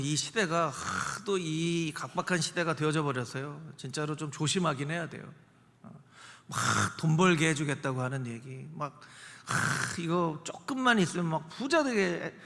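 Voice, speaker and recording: A male pastor preaching a sermon in an animated way, dropping his voice to act out the characters in the story. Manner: animated, acts out dialogue in lowered voice. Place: church sanctuary. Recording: reverberant church sanctuary.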